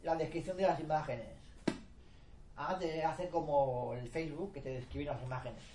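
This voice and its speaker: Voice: mid-range voice, fairly even intonation, normal speed, mellow. An adult presenter, patiently explaining phone features to a group in casual conversation and checking that everyone follows. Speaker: presenter at a users' meetup. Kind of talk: casual explanatory demo talk. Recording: roomy, distant with background noise.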